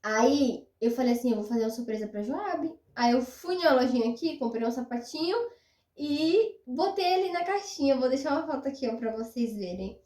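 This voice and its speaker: A young woman vlogger telling a personal story to her viewers in a casual, animated way, repeating words for emphasis. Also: high voice, brisk. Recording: roomy echo, mic at a distance.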